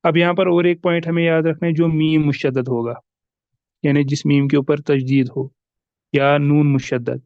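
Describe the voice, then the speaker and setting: A man with a slightly high, smooth voice teaches tajweed in a recorded lesson explaining the rules, patiently repeating examples and posing questions he then answers himself. The audio is dull, with no echo.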